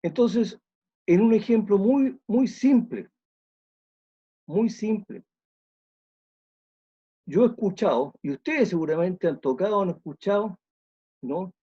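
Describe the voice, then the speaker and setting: A man's voice: high voice, expressive, moderate pace, mellow, breathy edge, lo-fi sound. A man, an orchestra conductor giving an online music talk, explaining thoughtfully and repeating phrases as he thinks.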